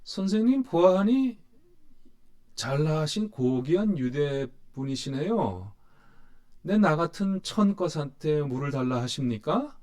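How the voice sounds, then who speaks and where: A man's voice: a little high, very animated, unhurried, darkish tone. A man voicing a scornful, indignant Samaritan woman who answers back with sarcastic, defiant questions.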